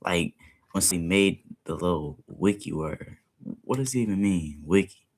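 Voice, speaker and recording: A man's voice: low-pitched, expressive, a little slow, slight background noise. A young man chatting casually while reacting to a video, rambling with lots of filler words. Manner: rambling, heavy use of "like" fillers.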